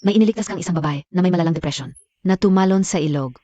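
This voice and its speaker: A woman's voice: lowish voice, very fast, dark tone, no room sound, dull audio, natural voice. An actress playing a cold, accusing woman who has taken over a company, in a dubbed drama. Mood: reproachful. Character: cold, defiant young woman heading a company. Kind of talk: dubbed short drama acting.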